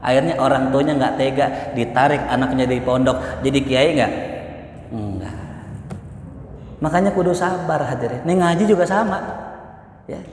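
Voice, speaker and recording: A man's voice: medium pitch, moderate pace, pauses often. A male preacher gives a humorous sermon to a live audience, joking and asking rhetorical questions. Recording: echoey hall, faint noise.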